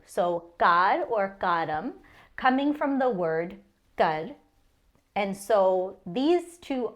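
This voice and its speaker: A woman giving a patient, measured lesson, sounding out syllables one by one. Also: medium pitch. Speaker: language teacher. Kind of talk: explanatory lesson.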